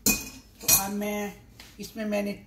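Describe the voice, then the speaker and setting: Her delivery is completely flat and slow, at medium pitch, with heavy background noise: a woman in her sixties with a Pakistani accent, cooking and narrating each step at her home stove. She's a home cook and cooking show host, unscripted and prone to repeating herself. Sizzling, stirring, and clinking pots and dishes echo around the kitchen.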